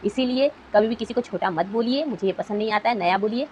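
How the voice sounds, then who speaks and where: A woman's voice: medium pitch, fast, a little mellow, slight background noise, low-quality recording. A woman YouTuber giving an earnest motivational talk to fellow creators, asking rhetorical questions as she goes.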